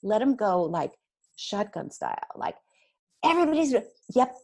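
A woman giving parenting advice in casual chat, animated and acting out what parents and kids might say. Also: medium pitch, a little slow, gravelly. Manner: animated, acts out quoted dialogue. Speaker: parenting guest expert.

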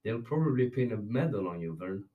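Gordy, sensible lowish-voiced boy played by a man. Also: expressive, fairly quick, narrow, tinny audio, lightly acted. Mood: reassuring, planning. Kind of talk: amateur dramatic read-through.

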